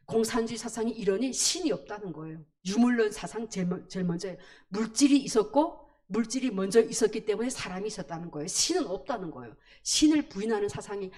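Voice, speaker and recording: A woman telling her conversion story in church, in an animated storytelling way with sound words. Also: mid-range voice. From North Korea. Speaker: church testimony speaker. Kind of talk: personal testimony in church.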